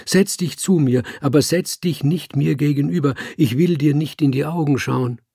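A man's voice: on the high side, moderate pace, gravelly, warm tone, slightly rough, dry recording, studio quality. An unhappy, pleading woman, as a man reads her.

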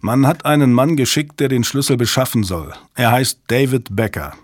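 A male audiobook reader voicing a hurried American conspirator who speaks calmly about killing. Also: medium pitch, no room sound, studio quality, voice pushed up, lightly acted. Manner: rushed, calmly threatening.

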